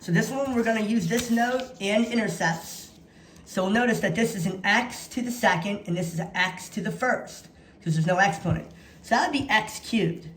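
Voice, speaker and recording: A woman's voice: mid-range voice, normal speed, slight background noise. A woman with a mid-range voice teaches in an echoey space. She walks through practice problems in an instructional way, dictating notation bit by bit. She often repeats key phrases for emphasis. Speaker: math teacher. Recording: echoey room sound.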